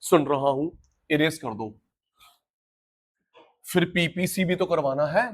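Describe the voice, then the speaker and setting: A middle-aged man teaching an economics class live, energetic, mixing Hindi and English and drilling students with repeated call-and-response. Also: on the high side, takes it slowly. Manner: mixes Hindi and English terms.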